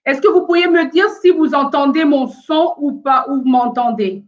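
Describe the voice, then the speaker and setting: Over dull, lo-fi audio, a woman from France of Congolese origin hosts a home live stream and works through sound troubles with callers. She talks haltingly in a slightly high voice, using many fillers.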